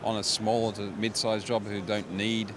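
A middle-aged man with a fairly low voice explains his company's products at a trade show booth, restarting his phrases often. He talks into a handheld mic, and the steady noise of a busy exhibition hall fills the background. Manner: explains products with frequent restarts and quick agreements. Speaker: company managing director. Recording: noisy trade show floor.

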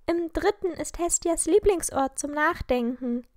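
A woman's voice: high-pitched, expressive, a little slow, a little mellow, no echo, clean studio sound, voice pushed up. A woman voicing a bold teenage head girl who talks urgently and gives orders. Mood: commanding. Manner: urgent, commanding.

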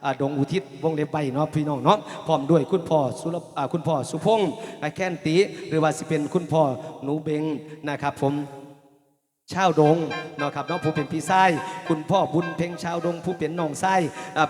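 High-voiced Isan man performing mor lam. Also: steady tone. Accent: Isan (northeastern Thai). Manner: drawn-out sung verses and formal announcing. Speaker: mor lam singer and emcee. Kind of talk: live mor lam singing and donor announcements. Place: night merit-making event on a stage. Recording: long reverb over a loud PA with band music.

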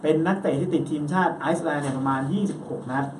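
A man hosting a football talk show, chatting casually and quickly, with lots of polite particles. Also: a little high, a little hiss or hum. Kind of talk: casual sports chat. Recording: roomy echo, distant mic, faint ambience.

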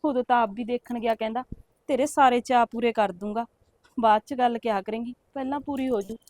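A woman's voice: a little high, fairly even intonation, fairly quick, no room sound, studio quality, lightly acted. A young woman with a Punjabi accent playing a newly married wife who coaxes and complains to her husband. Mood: lamenting. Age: young adult. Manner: soft, coaxing, complaining. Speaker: actor in a short film. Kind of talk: village short-film acting.

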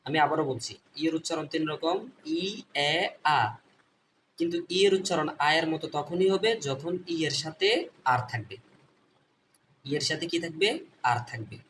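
Teaching an online phonics lesson, a man with a Bangladeshi Bengali accent repeats each point and answers his own questions. His fairly high, slightly bright voice is recorded from a distance, a bit off mic, with faint background noise.

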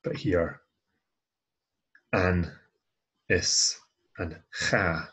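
Guy teaching grammar over slides, low husky gravelly voice, patient, lots of ums. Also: steady tone, extremely slow, a bit bright. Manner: patient, methodical, with many "um" and restarts. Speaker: language tutor.

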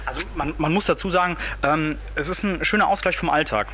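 A man in his thirties, a band's singer, telling stories in a relaxed, rambling way during a casual interview in a club's backstage room. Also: a little high, brisk, a crowd in the background. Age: 30s. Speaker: band singer. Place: backstage room of a music club. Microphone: handheld interview mic.

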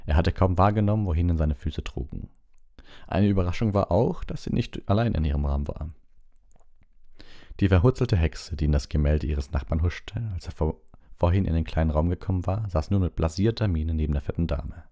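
A man reading a storybook aloud as an audiobook, in a calm, measured storytelling manner with small slips. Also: low-pitched. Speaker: audiobook reader.

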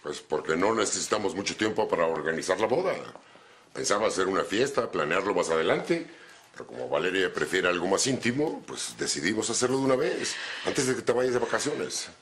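A man's voice: deep voice, lively intonation, fairly quick, a bit bright, slight background noise. An actor playing a stern, wealthy middle-aged father in a telenovela, firm and scolding. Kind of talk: telenovela acting.

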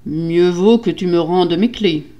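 A man's voice: sits high, unhurried, dull audio. A woman voicing a cruel, murderous nobleman husband in a storybook reading, growling and roaring threats. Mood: menacing.

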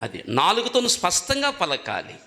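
A man's voice: sits high, wildly swooping pitch, fairly quick, pushed and bright. A male preacher giving a sermon, emphatic, putting questions to the congregation and repeating key words. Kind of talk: sermon teaching on prayer. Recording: long hall reverb.

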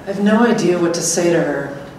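A middle-aged woman performs a staged reading of a two-person script, playing a wry, anxious character. Her lowish, slightly mellow voice is close to everyday speech at a moderate pace. She's recorded on a stand mic from a distance in an echoey gallery room with hard walls, with faint noise.

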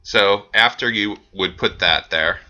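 A man with a deep, low voice that has a bright, forceful edge. He talks through a website tutorial in a loose, unscripted way and leans on plenty of ums and uhs. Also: a little slow, clean tone, muffled recording. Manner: relaxed, with frequent ums and uhs. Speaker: auction house staff giving a website tutorial. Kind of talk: casual screen-recorded walkthrough.

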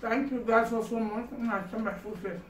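A woman's voice: on the high side, steady tone, fairly quick, echoey room. Nigerian lady doing a mukbang, chatting n eating, bit far from the mic, faint noise. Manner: exclaiming, talking between mouthfuls. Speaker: host of an eating show. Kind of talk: casual mukbang eating chat. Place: kitchen or dining room indoors.

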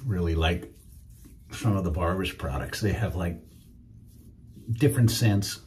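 A man's voice: low-pitched, animated, measured pace, darkish tone, a little hiss or hum. A middle-aged man chatting casually to viewers while shaving at home. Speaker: wet shaving YouTuber. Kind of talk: casual shaving demo chat. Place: home shave room, indoors.

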